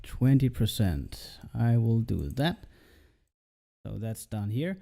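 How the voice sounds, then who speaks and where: A man's voice: medium pitch, very animated, takes it slowly, vocal fry, warm tone. A man hosting a tabletop game stream as game master, talking loosely, swearing and laughing a lot. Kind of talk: casual stream intro.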